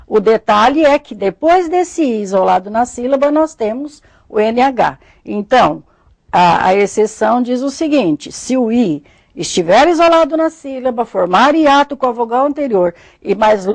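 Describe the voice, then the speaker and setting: A woman with a Brazilian Portuguese accent giving a recorded grammar lesson, methodically explaining rules and spelling out example words slowly. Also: a little high, no echo. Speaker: Portuguese teacher.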